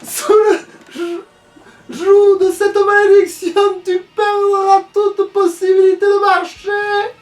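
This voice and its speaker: Mocking little game demon casting curses, super high n shrill, sing-song, echoey. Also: female voice, level tone, slow. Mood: gloating, menacing. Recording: roomy, distant mic, game music behind.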